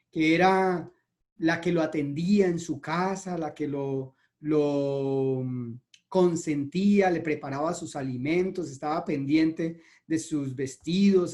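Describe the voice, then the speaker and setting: Preacher guy, sermon, telling a story, slightly high voice. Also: a little mellow. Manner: storytelling, addressing the congregation directly.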